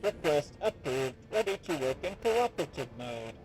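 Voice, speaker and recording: A man voicing a cold robotic machine servitor unit with a metallic, clanging voice and slow, procedural delivery. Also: fairly high pitch, big pitch swings, music in the background, pitched above the performer's own voice, poor audio. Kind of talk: reading game dialogue aloud.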